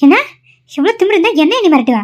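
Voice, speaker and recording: A woman's voice: extremely high pitch, very animated, fast. A woman voicing a stern, short-tempered young mother in a cartoon, speaking harshly and scolding. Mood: angry. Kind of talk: cartoon voice acting. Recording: dull lo-fi recording.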